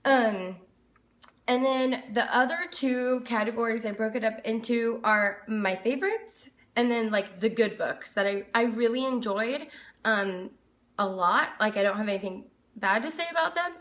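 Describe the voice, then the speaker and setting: In an echoey room, a woman who hosts book review videos talks casually to camera, rambling slightly. Her voice sits fairly high with a bright tone, and she takes her time.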